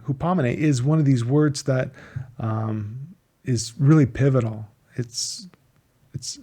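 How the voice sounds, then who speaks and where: A man in an even middle register gives an informal Bible teaching. He speaks earnestly, often repeating key words for emphasis and restarting his phrases as he goes. He is from the United States. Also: mid-range voice.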